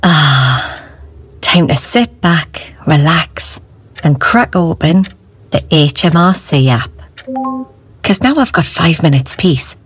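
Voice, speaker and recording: A woman playing a tired mum finally relaxing, husky-voiced, in a scripted radio advert. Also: low voice, animated, takes it slowly, no room sound, full character voice. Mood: relieved, relaxed. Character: tired mum relaxing once kids are in bed.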